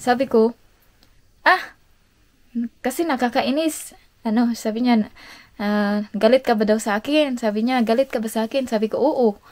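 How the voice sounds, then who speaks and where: A woman from the Philippines, a vlogger chatting to her viewers and telling a story about her family. She talks in a chatty, animated way, laughs often and mixes in English. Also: on the high side, brisk.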